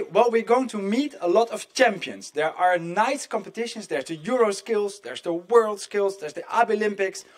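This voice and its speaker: A middle-aged man moderating a live event in a conference hall, chatty and joking as he speaks straight to the audience. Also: high voice. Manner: chatty, jokey, addresses the audience directly.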